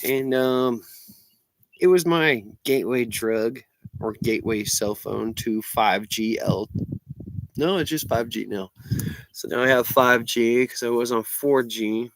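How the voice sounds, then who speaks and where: A man's voice: medium pitch, unhurried, a little hiss or hum, rough recording. An American man, stoned, rambles casually on a livestream in a meandering, slangy stoner manner. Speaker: livestream vlogger.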